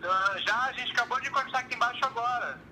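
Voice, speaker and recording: A man's voice: very high-pitched, fast talker, bright, forceful tone. A man talking on a phone call heard over speakerphone, giving short reassuring answers. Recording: noisy distant speakerphone audio.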